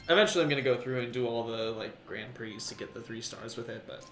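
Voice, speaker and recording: A man's voice: medium pitch, fast talker, fairly bright tone. Male streamer, casual chat, roomy sound, game music behind, swears and laughs a lot. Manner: chatty, swears, laughs easily.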